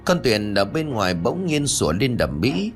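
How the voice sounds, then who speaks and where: A man narrating a ghost story audiobook in an expressive, dramatic way. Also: mid-range voice, moderate pace, soft background music.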